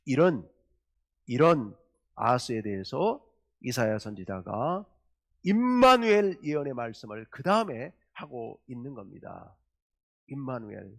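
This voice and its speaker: A man delivers a sermon, his fairly high voice rising and falling widely. He puts questions to the congregation and leads them in reading aloud together. He voices quoted lines with growing intensity. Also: creaky, a bit bright. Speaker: pastor.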